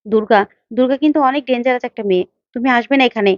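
Woman voicing a schemer urging someone to hide; quick, high. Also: dry recording, lo-fi sound, close to an everyday voice. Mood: urgent.

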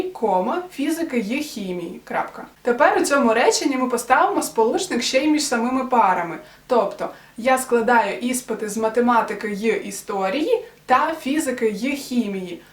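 A woman's voice: on the high side, far from the mic. A young woman explaining grammar step by step to viewers, patient and methodical, as a tutor preparing students for an exam. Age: young adult. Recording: echoey room, voice off-mic.

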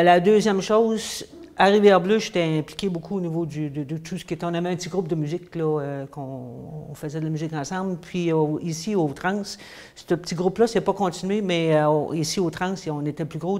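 Speaking in a deep, slightly mellow voice, an English teacher in her fifties answers interview questions hesitantly, with lots of fillers. She has a Quebec French accent, grew up in the United States and later Quebec, and sits indoors in a small room before a plain wall.

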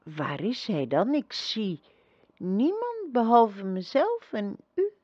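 A woman's voice: fairly high pitch, very animated, slow, husky, no echo, highs cut off, exaggerated voice. A woman voicing a brave young boy hero who stammers and pleads in bewildered outbursts, reading a storybook aloud.

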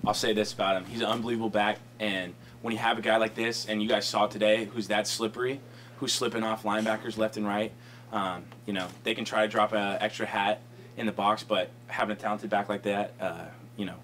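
A man's voice: on the low side, level tone, fairly bright tone, a little hiss or hum. A young man, a college football lineman, answering reporters at a post-game press conference, rambling and full of fillers at a table microphone. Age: young adult. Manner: fast, rambling, many fillers like "you know" and "um". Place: press conference room, indoors.

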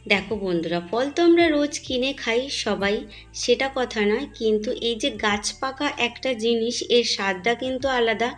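A woman's voice: a little high, normal speed, faint music behind. A middle-aged woman narrating a home cooking and garden vlog. She chats with her viewers and calls them her friends. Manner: chatty, addresses viewers as friends. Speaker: home vlogger.

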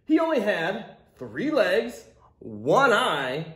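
Reading slowly in a high-pitched voice that swoops wildly, a thirty-something teacher and storytime host gives an animated picture-book read-aloud to children, hamming it up and joking with his young listeners. The classroom recording is very noisy, with a roomy echo.

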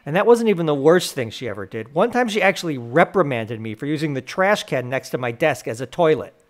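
Young man, sarcastic storyteller, high and lively pitch, faint music bed. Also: fairly quick. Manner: deadpan sarcastic, mocking voices of others. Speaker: animated storyteller. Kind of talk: sarcastic comedic rant.

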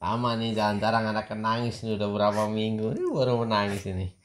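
A man's voice: lowish voice, lively intonation, fast, a little hiss or hum. A man filming a casual family vlog, teasing his crying daughter in a playful way and laughing often at home.

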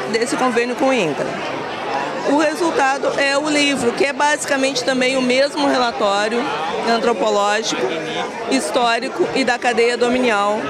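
A woman in her forties calmly explains her research project to an interviewer. She talks into a handheld mic at an indoor book fair, with a loud crowd all around. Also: on the high side. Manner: measured, explanatory. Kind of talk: interview answers. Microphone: handheld reporter mic. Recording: loud crowd noise behind.

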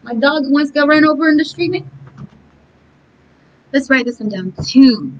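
A woman's voice: sits high, expressive, moderate pace. A young woman chatting casually and playfully to herself and her dog during a live stream while she practices a song at home. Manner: slangy, playful. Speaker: livestreamer learning a song. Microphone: phone or laptop mic for a live stream. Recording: dull lo-fi live-stream audio. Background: faint ukulele plucking.

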